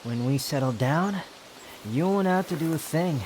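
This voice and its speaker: A man playing a sharp-tongued, haughty, youthful-looking immortal wanderer in a roleplay audio drama, speaking in a sardonic, theatrical, teasing way. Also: on the high side, expressive, moderate pace, slight background noise, lightly acted, rough recording. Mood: bossy, sardonic. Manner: sardonic, scolding, theatrical delivery with sighs.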